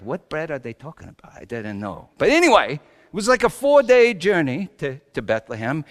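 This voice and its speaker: Male performer as wry, exasperated old-world carpenter, comic stage monologue, unhurried and very animated, big reverberant hall. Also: fairly high pitch, heavily acted. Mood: wry storytelling. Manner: theatrical, swinging between hushed asides and shouted exclamations. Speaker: storyteller preaching in character. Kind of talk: comic dramatic monologue to a congregation.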